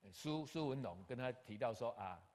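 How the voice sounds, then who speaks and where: An older man, a pastor, telling a personal story in an animated way, acting out conversations and dropping in English terms. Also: mid-range voice, normal speed. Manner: animated, acts out dialogue, scattered English terms. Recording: long hall reverb.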